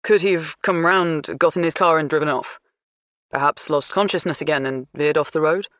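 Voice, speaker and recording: A woman reading an audiobook, voicing an earnest, easily flustered male detective who asks halting questions. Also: low-pitched, fairly bright tone, no room sound. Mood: probing.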